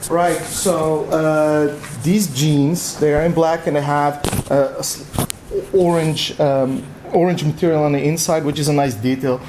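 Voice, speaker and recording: A man with a Dutch accent talks through an unboxing in loose, casual chat, full of "uh" fillers. His voice sits a touch higher than most men's. A faint hiss of noise runs under it. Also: unhurried. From Netherlands. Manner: relaxed, rambling, frequent "uh" fillers. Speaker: vlog co-host.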